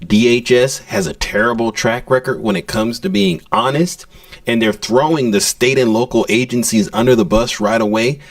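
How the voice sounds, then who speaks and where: A man's voice: mid-range voice, sing-song, moderate pace, creaky, dry recording, recorded from a distance. A man delivering skeptical, indignant livestream news commentary, speaking directly to viewers.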